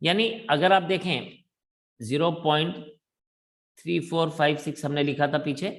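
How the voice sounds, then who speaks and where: A man teaching math in a classroom lecture, talking slowly and deliberately in a mix of Hindi and English. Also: on the high side.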